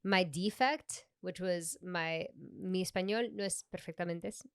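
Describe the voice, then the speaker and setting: A woman's voice: on the low side, normal speed, smooth, no echo, clean studio sound. A young woman from Peru co-hosting a casual comedy podcast. She tells stories with lots of animation, laughs often, and drops into Spanish mid-sentence. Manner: animated storytelling, switching between English and Spanish, frequent laughs. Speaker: podcast co-host and stand-up comedian.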